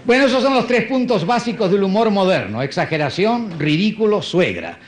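A man performing a stand-up comedy monologue in a dry, understated deadpan manner. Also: sits high, fairly quick. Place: stage before a live audience. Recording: live show with audience and faint noise.

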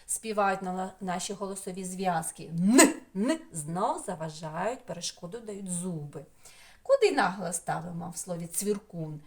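A woman teacher from Ukraine giving a remote lesson to small children, talking slowly in a sing-song way and drawing out single sounds. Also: on the low side. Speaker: preschool teacher.

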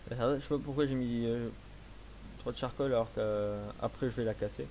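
A young man in a casual let's play, explaining his game setup slowly with many hesitations, speaking into a headset. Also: mid-range voice, steady tone, darkish tone, slight background noise. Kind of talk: casual gameplay commentary.

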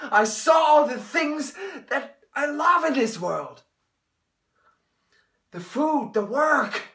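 A man in his thirties or forties playing an anguished, bitter grown son in an intense stage monologue, speaking emphatically with halting pauses. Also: high-pitched, bright, forceful tone, exaggerated voice. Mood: impassioned, tearful. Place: small indoor room.

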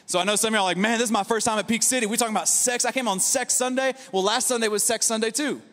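A pastor in his thirties delivers a sermon from a big auditorium stage, handheld mic in hand, his voice pitched high for a man and racing along. He preaches with energy and a conversational feel, full of asides and rhetorical "right?" tags, while a long hall reverb trails every line.

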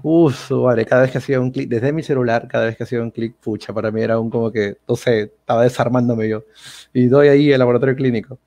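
A young man, a guest telling his story in a casual, animated interview and acting out the dialogue. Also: medium pitch, fast talker, creaky. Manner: animated retelling full of quoted dialogue.

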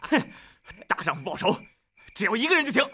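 A defiant young country lad. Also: male voice, high voice, big pitch swings, a little fast, a little hiss or hum, full character voice. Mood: defiant shouting. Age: young adult. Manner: shouting, defiant. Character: defiant country youth, stubborn and proud. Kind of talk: TV drama dub. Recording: dialogue over loud score.

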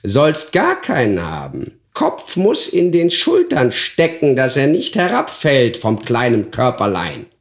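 A man voicing a hunched, spiteful old witch in a fairy tale reading, with a croaking, hoarse voice and drawn-out sing-song mutters. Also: medium pitch, wildly swooping pitch, voice pushed up, full character voice. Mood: menacing.

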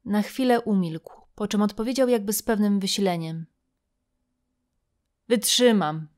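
A woman narrating a classic novel as an audiobook reader, in a steady, even storytelling manner. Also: medium pitch, brisk.

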